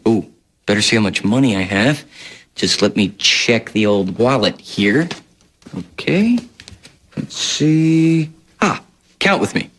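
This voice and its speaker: A man's voice: medium pitch, slow pace, pauses often, a little hiss or hum. A man in his twenties playing a friendly preschool show host, talking patiently and expressively to child viewers. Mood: thoughtful. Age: 20s. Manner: patient, encouraging, exaggeratedly expressive.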